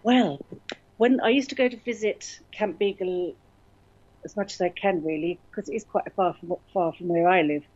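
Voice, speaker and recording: A woman's voice: on the low side, moderate pace, a little mellow, dry recording, muffled recording. A middle-aged woman, born in Berlin and raised in London, chatting in a rambling, upbeat way as a guest about her life in radio. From born in Berlin, grew up in London. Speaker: radio station founder, guest. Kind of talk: casual interview talk.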